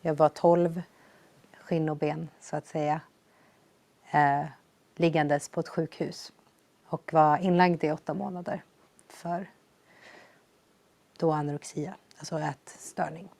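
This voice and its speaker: A young woman with a low voice telling her own life story in an earnest, reflective way, raising her energy when she re-enacts quoted lines. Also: steady tone, vocal fry, long pauses, darkish tone, no room sound. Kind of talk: personal storytelling testimony.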